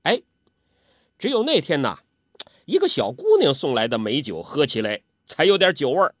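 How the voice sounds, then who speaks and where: A man's voice: fairly high pitch, huge pitch swings, moderate pace, dry recording, studio quality. A man voicing a playful, childish old male martial artist, who whines and teases in a petulant way. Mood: eager. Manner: whiny, petulant, teasing.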